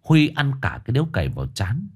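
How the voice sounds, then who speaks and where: A man narrating a ghost story in an expressive, suspenseful reading. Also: medium pitch, fast talker, husky.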